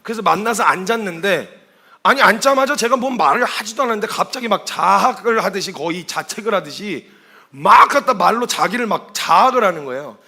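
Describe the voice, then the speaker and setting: A male missionary preaching at a quick clip with a high, bright, forceful voice. He tells stories and throws out rhetorical questions, slipping into quoted speech along the way. The delivery stays animated throughout. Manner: storytelling, asks rhetorical questions. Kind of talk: sermon.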